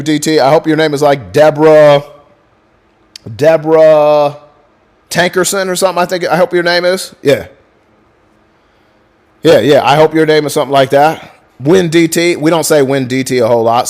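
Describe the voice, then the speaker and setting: A man hosting a livestream, reading book passages aloud and breaking off to thank chat viewers, swearing freely in a casual way. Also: a little high. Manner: profane, chatty, thanks viewers mid-reading. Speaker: livestream host.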